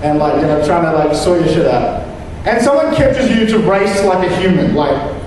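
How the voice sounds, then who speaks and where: A man's voice: high voice, lively intonation, normal speed, a little mellow, a little hiss or hum. A young man from New Zealand performing a rambling stand-up comedy set, full of restarts and fillers. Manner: rambling, hesitant, with many restarts and "like". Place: comedy venue stage. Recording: echoey hall, mic picked up from a distance.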